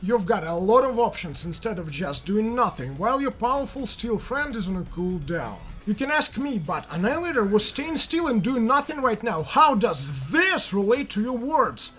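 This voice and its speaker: A young man with a Russian accent doing playful, jokey commentary over a tank game replay, now and then bursting into shouts. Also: high-pitched, big pitch swings, normal speed, few pauses. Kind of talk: gameplay commentary.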